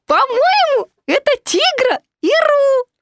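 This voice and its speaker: A woman's voice: very high voice, sing-song, takes it slowly, no room sound, clean studio sound, pitched above the performer's own voice, full character voice. A woman voicing a small, timid male piglet who calls out shrilly and anxiously.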